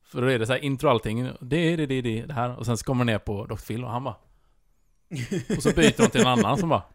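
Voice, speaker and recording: A man talking casually on a podcast in a mid-pitched, everyday voice. He is easygoing, agrees readily and laughs along with the others. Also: expressive, no echo, clean studio sound. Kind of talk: casual chat.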